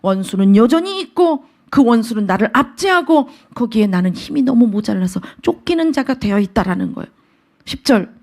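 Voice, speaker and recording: A woman pastor preaching a sermon, reading scripture aloud and explaining it, her voice swinging between loud emphatic phrases and hushed whispers. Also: fairly high pitch, lively intonation, moderate pace.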